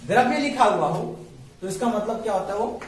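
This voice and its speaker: A high-pitched man teaches a science class, drilling his students with repeated questions and fondly calling them "babu." His voice rings through an echoey classroom, picked up from a distance with steady background noise. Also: fairly quick. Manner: calls students "babu" affectionately. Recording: echoey room, voice far from mic, background noise.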